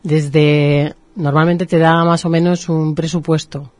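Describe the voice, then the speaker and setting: Her voice sits low and moves slowly, recorded with no room sound, and her accent is Spanish from Spain. A marketing professional, she patiently explains things during a radio interview, peppering her talk with lively examples.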